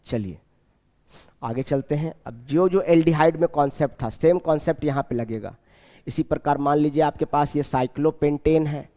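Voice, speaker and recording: A man gives a chemistry lecture in a slightly high, mellow voice. He repeats each name slowly and keeps asking his students questions. The sound rings with a long reverb, as in a large bare room. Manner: repeats key names slowly and asks the class questions. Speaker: chemistry teacher. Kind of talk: classroom lecture.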